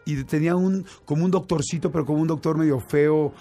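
A man with a Mexican accent telling a personal story in casual chat, animated and full of fillers and restarts. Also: a little high, fast talker, faint music behind. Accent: Mexican Spanish.

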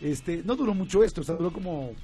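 A man with a Mexican accent telling a story in casual chat, animated, laughing often and acting out quoted voices. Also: sits high, quick pace, soft background music. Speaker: guest.

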